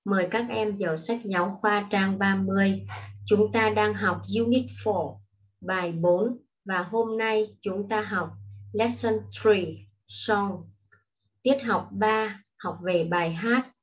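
Slow-speaking woman teacher, patient. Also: mid-range voice, steady tone. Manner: slow, patient explaining to children. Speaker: primary school English teacher. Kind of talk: online classroom lesson. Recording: dull lo-fi recording.

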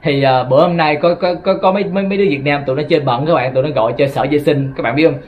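A man from Vietnam with a Southern Vietnamese accent talks straight to his viewers in a rapid, rambling monologue. He keeps stumbling and repeating words as he goes. His voice sits a bit high, and the recording sounds dull and lo-fi. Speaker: vlogger.

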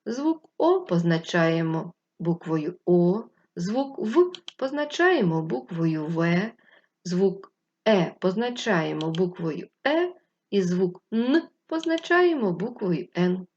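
A woman leads a lesson for young children, talking slowly and clearly and stretching out syllables. Her voice sits a little low, and the recording sounds dull and lo-fi. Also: very animated, darkish tone. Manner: patient, speaks to children, draws out syllables. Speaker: primary school teacher. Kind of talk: slow, clear remote lesson for first graders.

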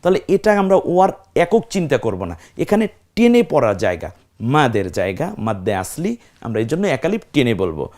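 A man's voice: medium pitch, big pitch swings, brisk, a little mellow. A man teaching Quran recitation, explaining step by step and drawing out the Arabic syllables he demonstrates. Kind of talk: recitation lesson.

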